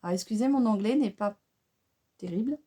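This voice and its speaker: Woman, casual makeup tutorial, mellow warm voice, chatty, hesitant fillers, asks viewers for advice. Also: medium pitch, normal speed. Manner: excited exclamations over the colors. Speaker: beauty vlogger.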